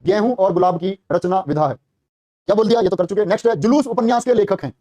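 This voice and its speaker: A man teaching a live online exam class, quizzing students quickly and repeating every answer. His voice sits high and mellow, and his talk is rapid. The sound is dry and close, with no room around it. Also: no echo. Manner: encouraging praise, calls students brother and child. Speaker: Hindi teacher for police exam prep.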